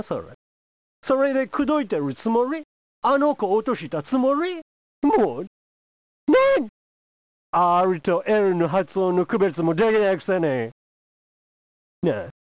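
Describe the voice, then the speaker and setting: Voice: mid-range voice, no echo. A comedian performing a pushy, teasing foreign envoy who badgers the audience with questions in a comic monologue. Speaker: stand-up comedian.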